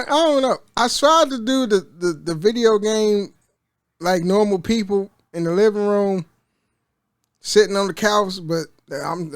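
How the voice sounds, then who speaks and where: A man with a fairly high voice chats casually from his desk, stumbling and restarting as he reads an article aloud. He is from the United States, and the recording is dry and close, with no room sound. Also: no room sound. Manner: rambling, halting, with many restarts and fillers. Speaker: gaming vlogger.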